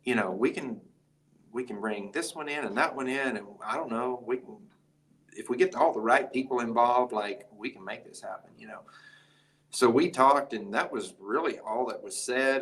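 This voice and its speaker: A man's voice: mid-range voice, normal speed, poor audio. A man, a rodeo event producer, telling a story in an interview and acting out the conversations he quotes. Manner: animated, acts out quoted conversations.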